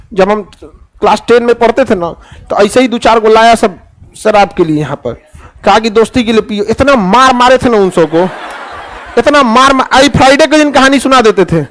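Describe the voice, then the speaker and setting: High-voiced chemistry teacher. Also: male voice. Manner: animated, joking, acts out little scenes. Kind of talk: classroom lecture.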